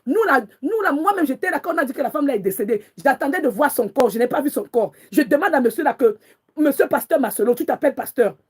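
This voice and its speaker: A woman's voice: high voice, expressive, fast talker, darkish tone. A woman prophetess preaching with passion and anger, crying out to God in prayer and repeating her words again and again. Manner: angry, repetitive, calls out to God.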